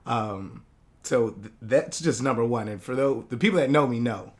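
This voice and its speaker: A man who grew up in Hawaii, a guest artist talking in a casual interview, relaxed and rambling with many fillers. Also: mid-range voice, normal speed.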